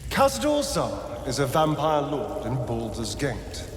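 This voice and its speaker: Astarion, a theatrical, lively vampire. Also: male voice, mid-range voice, slight background noise. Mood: bitter, brooding. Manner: theatrical, arch, drawn-out emphatic phrasing. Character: suave, bitter male vampire spawn, two centuries old, former magistrate. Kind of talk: theatrical video game dialogue. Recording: roomy reverb, music behind.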